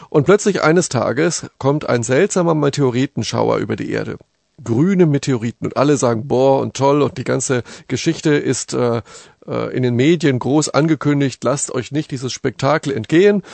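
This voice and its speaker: A man hosting a radio talk about a book, speaking in a lively, conversational way. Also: medium pitch, vocal fry, no echo. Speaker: radio host discussing a book. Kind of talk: casual spoken book discussion.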